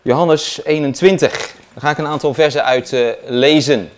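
A man preaching, calmly reading a Bible passage aloud with small slips and spoken asides. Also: fairly high pitch, moderate pace. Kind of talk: Bible reading in a church service.

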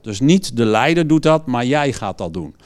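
A man's voice: medium pitch, normal speed, clear, resonant tone. A man preaching, telling vivid stories in a sermon, often restarting sentences as he goes. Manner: lively storyteller who acts out quotes. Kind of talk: storytelling sermon.

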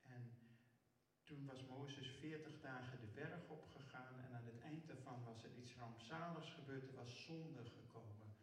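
A man preaching a sermon emphatically, rising to loud declarations and sinking to hushed near-whispers. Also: mid-range voice, a little slow. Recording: very echoey hall, mic far off.

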